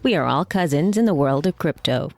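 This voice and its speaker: A woman's voice: sits low, lively intonation, brisk, creaky, darkish tone, no room sound. Upbeat woman announcing a podcast intro. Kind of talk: scripted promo voice-over. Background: faint music.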